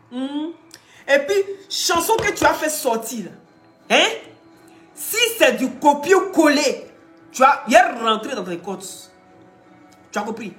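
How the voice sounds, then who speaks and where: A woman with a head cold, ranting loudly on a live stream, teasing and scolding. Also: high voice, echoey room. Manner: talks loudly, teasing and scolding, often laughing. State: head cold, blocked ears. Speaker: live streamer and gossip commentator. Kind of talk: casual live-stream rant.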